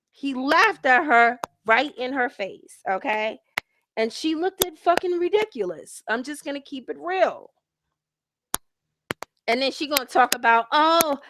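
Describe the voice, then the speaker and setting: A woman runs her own broadcast, recapping a reality show in blunt, slang-heavy rants. She speaks a little higher than most women and often lectures her listeners directly. A steady hiss sits under her voice. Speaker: host reviewing a reality show. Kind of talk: casual ranting commentary. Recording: hissy home recording.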